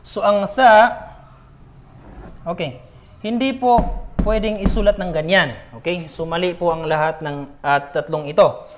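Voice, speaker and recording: A man's voice: high voice, a little slow, pauses often, background noise. A man teaching a beginner Arabic lesson, patiently repeating each letter sound and checking in with his students.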